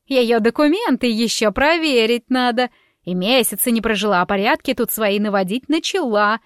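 A woman's voice: a little high, moderate pace, clear, resonant tone, no room sound, clean studio sound, close to an everyday voice. A woman voicing a spiteful, scandal-making townswoman who shrieks her accusations. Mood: triumphant. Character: shrill spiteful middle-aged woman, a scandalmonger.

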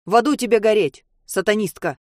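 A woman voicing a spiteful old male watchman who shouts accusations. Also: on the low side, fairly quick, no room sound, studio quality, close to an everyday voice. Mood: furious.

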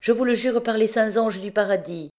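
A woman reading an audiobook, voicing a desperate, frantic old recluse mother who pleads in a high, strained voice. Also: normal speed, a little mellow, natural voice. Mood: pleading. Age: older.

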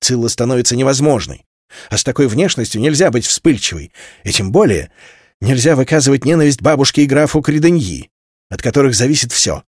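A man's voice: medium pitch, expressive, fairly quick, darkish tone, breathy edge, no echo, studio quality. A man voicing a strict, curt mother, a captain's wife, in an audiobook. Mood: stern. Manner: curt, commanding.

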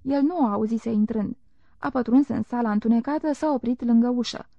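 A woman narrating a literary audiobook in a calm, measured reading voice. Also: a little high, gravelly, no room sound. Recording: dull lo-fi recording.

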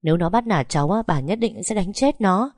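A woman's voice: medium pitch, animated, fairly quick, a little mellow, dry recording, studio quality. A woman voicing a doting, fierce grandmother over eighty, who fusses and scolds. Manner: fussing, scolding.

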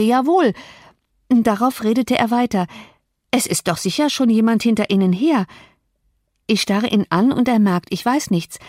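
A flustered, thoughtless young housemaid, as a woman reader puts her on, babbling in a high, excited voice. She rushes her words with little care. The sound is dry and close. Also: no echo, natural voice.

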